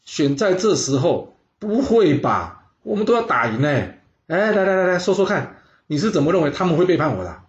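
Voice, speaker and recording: A man's voice: fairly high pitch, big pitch swings, normal speed, lo-fi sound, voice pushed up. Brief: male storyteller doing a cocky warlord, raised voice, brushing off all doubt. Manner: jovial, brash, laughing it off. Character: boastful overconfident ancient male warlord.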